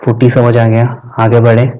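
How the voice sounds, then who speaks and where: A man's voice: medium pitch, monotone, normal speed, warm tone, muffled recording. An Indian man whose first language is Hindi teaches an exam-prep vocabulary lesson, repeating words and checking in with his students constantly. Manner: repeats and quizzes, frequent "theek hai" check-ins.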